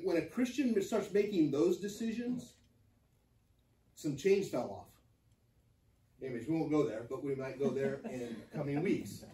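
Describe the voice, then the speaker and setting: A man's voice: high-pitched, warm tone. A man teaching a church Bible class, telling a personal story with many ums and restarts. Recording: echoey room, mic from far off.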